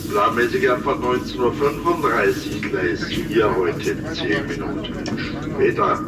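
A male train conductor making routine, measured stop announcements over the train's intercom loudspeaker, recorded inside a moving train. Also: medium pitch, animated. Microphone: handheld recording of the loudspeaker. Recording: echoey, distant loudspeaker capture with loud noise.

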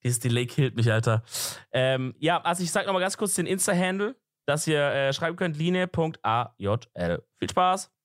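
A young man co-hosting a casual podcast, chiming in with slangy quick reactions. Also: fairly high pitch, lively intonation, no room sound, clean studio sound. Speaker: podcast co-host. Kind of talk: casual chat.

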